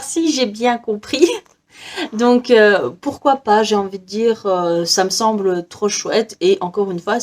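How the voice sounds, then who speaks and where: A woman's voice: mid-range voice, a little mellow. A young woman from Belgium chatting casually about her reading list, hesitant with many fillers and frequent small laughs. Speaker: book vlogger. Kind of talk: casual book haul chat.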